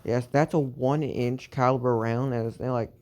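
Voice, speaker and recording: A man's voice: medium pitch, fairly even intonation, moderate pace, a little mellow. A man improvising a fan story, rambling along with lots of filler words and restarts.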